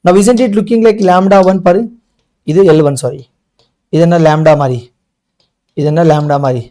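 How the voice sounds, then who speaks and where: Male maths tutor, Tamil Indian accent, very fast and high-voiced, keeps quizzing the class as he explains. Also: animated, mellow. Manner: repeatedly questioning, checking understanding. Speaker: maths teacher. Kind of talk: exam-prep lesson mixing Tamil and English.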